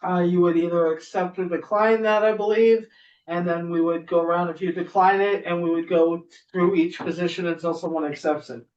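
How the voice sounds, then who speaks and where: Woman chairing a public board meeting, halting with fillers, heard from across the room on a dull mic. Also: on the low side, fairly even intonation, darkish tone. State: throat lozenge in mouth. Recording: muffled distant room mic.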